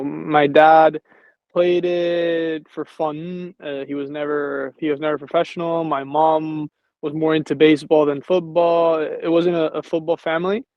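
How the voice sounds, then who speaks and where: A Venezuelan professional football player in his twenties reflects easily on his career as a guest in a casual interview. His voice is on the high side, and the recording is dry and muffled.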